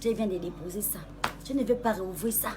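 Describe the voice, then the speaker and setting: A young woman rapper, taunting a rival in a casual live-stream monologue, sweet-talking and mocking and calling her "baby", jumping higher in pitch when she gets worked up. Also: heavy background noise. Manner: mocking and sweet-talking, calls the listener "baby", asks "hmm?"; drawls some words slowly, voice jumps higher when angry.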